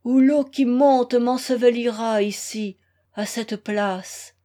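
Read by a woman, a desperate young man in a storybook pleads with anguished passion. His words come slow and heavy, in a slightly high register. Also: fairly even intonation, mellow.

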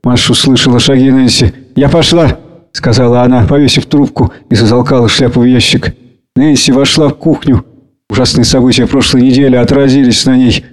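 A man reading a story aloud in steady, even storytelling narration. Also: medium pitch, brisk, rough recording.

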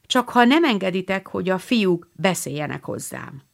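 Brief: a woman playing a shy, gentle girl in a storybook, soft and timid. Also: medium pitch, very animated, gravelly.

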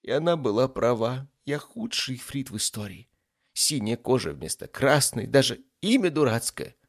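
A man's voice: fairly high pitch, very animated, normal speed, gravelly, voice pushed up, heavily acted. A man voicing a small, whiny, cowardly young male demon who panics, pleads and whimpers. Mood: self-pitying.

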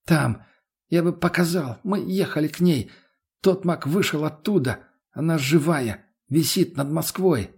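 A man reading an audiobook, voicing a frightened, shaken teenage captive who speaks in short, halting bursts. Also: on the high side, creaky, darkish tone, husky, pitched above the performer's own voice, exaggerated voice. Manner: fast, halting, pleading.

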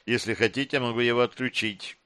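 Guy doing a lady ship computer in processing mode, metallic flat tone, smooth crisp voice. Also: mid-range voice, a little fast, no echo, close to an everyday voice. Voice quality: metallic, toneless, clipped. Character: female ship AI hologram, processing in cold machine mode. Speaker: audiobook narrator. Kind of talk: reading a sci-fi novel aloud.

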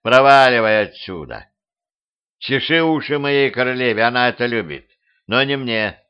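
A man voicing a brash, bossy king who shouts orders and mocks his subjects. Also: mid-range voice, expressive, normal speed, clear, resonant tone, highs cut off, natural voice. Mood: impatient. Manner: shouting, sarcastic and commanding. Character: brash bossy male king, mocking and short-tempered.

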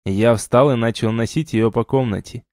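A man narrating a first-person fantasy audiobook in a measured, even reading. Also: mid-range voice, no echo, clean studio sound. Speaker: audiobook reader.

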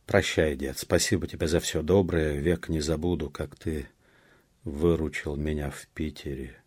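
A man reading an audiobook voices a blunt, loyal young peasant man in a plain, steady voice. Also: extremely low pitch, moderate pace, breathy edge, no room sound, studio quality. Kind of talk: audiobook character voice.

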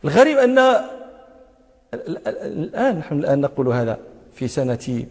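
A man's voice: on the high side, very animated, a little fast, creaky, a little mellow, in a large hall. A man teaching a religious lesson, emphatic, repeating words for stress and chanting his quotations. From Morocco. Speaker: sheikh teaching hadith commentary.

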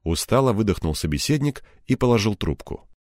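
A man narrating an audiobook in a measured storytelling voice. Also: on the low side, animated, a little mellow, dry recording, studio quality.

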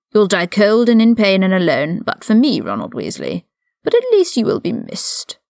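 In an audiobook-style story reading, a woman voices an older aristocratic male wizard held prisoner, sounding haughty and mocking with measured, condescending, formal speech. Her exaggerated performance sits at medium pitch with vocal fry, recorded in studio quality with no echo.

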